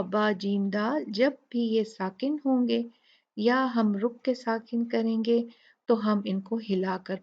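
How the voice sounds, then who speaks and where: A woman teaching a Quran recitation lesson. She explains each letter methodically and models slow recitation. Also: mid-range voice, gravelly, a little mellow. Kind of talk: tajweed tutorial. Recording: dull lo-fi recording.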